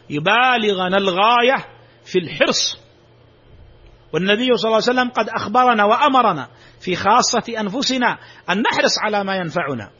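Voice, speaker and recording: A man's voice: high voice, bright, forceful tone. A man giving a sermon, emphatic, his voice rising sharply when he exclaims. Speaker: preacher. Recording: dull lo-fi recording.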